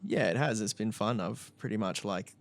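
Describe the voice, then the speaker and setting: A man co-hosting a casual podcast, easygoing and a little halting, with a self-deprecating streak. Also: fairly low pitch. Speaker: podcast co-host. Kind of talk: casual chat.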